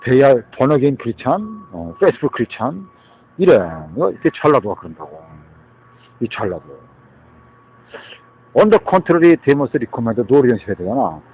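A man's voice: mid-range voice, sing-song, normal speed, pauses often, husky. A man giving a rambling monologue, mixing in English words and often tossing in "huh?" and "right?". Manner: mixes English words into speech, keeps asking "huh?" and "right?". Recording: tinny phone-like sound.

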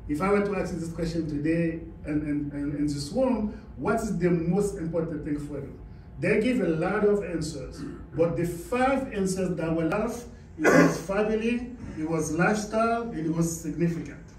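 A Haitian-born man gives a motivational business seminar in a carpeted indoor meeting room, his voice fairly high, a little mellow, and moderately paced. He's emphatic and quizzes the audience. A far-off camera with no visible mic picks up an echoey room and faint hum.

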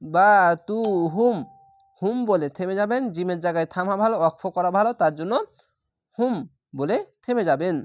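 A Quran reading teacher who spells each word out syllable by syllable and then chants it slowly, with calm explanations in between. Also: mid-range voice, no echo, studio quality. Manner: calm instructive explanations between recited words. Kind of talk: step-by-step recitation lesson.

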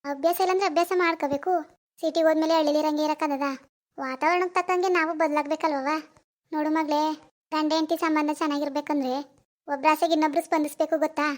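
A woman's voice: high voice, steady tone, fast, close to an everyday voice. Woman voicing a firm, caring village mother. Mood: scolding. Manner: coaxing, scolding. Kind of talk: animated cartoon voice acting.

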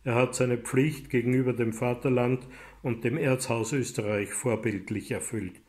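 A man from Austria, an author reading his own story aloud in a measured, dramatic way. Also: medium pitch, steady tone. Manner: measured and dramatic, rising in loud passages. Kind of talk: literary reading.

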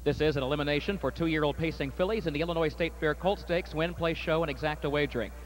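A man announcing a harness race at an outdoor track, calling the field in a brisk, formal way. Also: a little high. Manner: rapid rising race call, steady formal post parade. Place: outdoor racetrack. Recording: faint outdoor noise.

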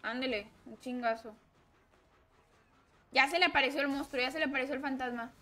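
Excitable high-voiced Mexican woman streamer. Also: a little fast, slight background noise. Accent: Mexican Spanish. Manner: excitable, swears and shouts at the game. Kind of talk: live gameplay commentary.

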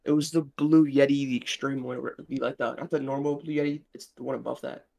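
A man's voice: medium pitch, steady tone, quick pace, gravelly, darkish tone. A man chatting casually, his voice echoing like an empty warehouse, from some distance off a USB desk mic. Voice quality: echoey, as if in a large empty room. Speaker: livestream co-host. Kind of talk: casual chat, mic testing. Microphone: USB desk microphone, spoken from a distance. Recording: roomy echo, far from mic.

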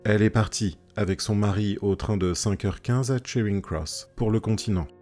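A man's voice: on the low side, normal speed, mellow, soft background music, natural voice. A man voicing a sardonic old woman servant with a dry manner. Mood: matter-of-fact.

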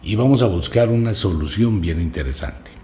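A man voicing a calm, kindly male master who gives guidance in a told story. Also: sits low, normal speed. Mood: guiding.

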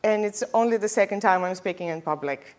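Her mid-range voice is a little mellow and brisk as this young Bulgarian conference speaker talks into a headset mic. The setting is a lecture hall with a projector screen, and her chatty, casual delivery is sprinkled with ums and self-deprecating asides.

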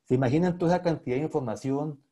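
Racing along in a slightly high, dark-toned voice, a Colombian-accented man delivers a technical talk online. As a lecturer, he is enthusiastic and speaks straight to the people watching.

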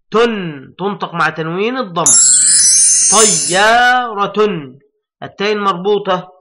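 A man teaching young children to read, sounding out letters and words slowly and emphatically while encouraging his pupils. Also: high voice. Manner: addresses pupils as heroes, patient and encouraging. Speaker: primary school Arabic teacher. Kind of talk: recorded classroom lesson for young children.

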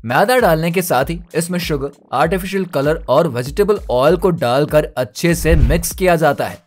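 Higher-pitched man narrating a factory explainer. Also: normal speed. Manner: steady explanatory tone, addresses viewers directly. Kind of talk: scripted voice-over narration. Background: faint background music.

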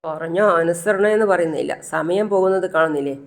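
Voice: mid-range voice, a little fast, vocal fry, lightly acted. A narrator doing a scolding anxious mother.

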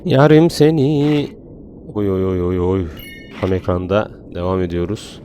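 A man giving casual gameplay commentary, calmly explaining menus and then playfully shouting at the game creatures. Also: deep voice, moderate pace, a little hiss or hum. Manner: playful, talks to the game creatures in bursts of excitement; laid-back walkthrough talk between outbursts. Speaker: gaming and tech YouTuber.

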